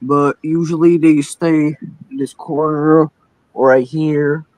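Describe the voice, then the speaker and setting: A young man speaks slowly and hesitantly, often pausing to find his words as he asks questions on a live stream. His voice sits a little high and sounds close and dry. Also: fairly even intonation, darkish tone, no echo, rough recording. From Czech Republic. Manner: hesitant, many fillers and restarts, asks questions. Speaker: caller. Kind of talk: live-stream casual chat.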